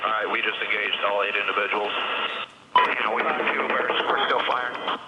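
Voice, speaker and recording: A man's voice: on the low side, moderate pace. A man giving clipped, matter-of-fact military radio call-outs, heard as a worn, noisy tape copy of radio traffic. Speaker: helicopter crew radio operator. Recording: loud hiss, distant radio sound.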